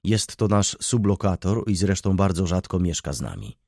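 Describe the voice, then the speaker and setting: A man's voice: low-pitched, big pitch swings, normal speed, a little mellow, no room sound, studio quality, heavily acted. A man voicing a cheeky young male student who speaks with suave, mock courtesy. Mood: mock-polite.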